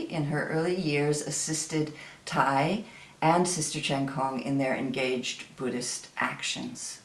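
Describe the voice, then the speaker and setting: An American woman hosting an online event, introducing a speaker in a halting way with frequent ums. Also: low-pitched. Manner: slow, halting, with many ums. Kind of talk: warm formal introduction. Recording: roomy echo.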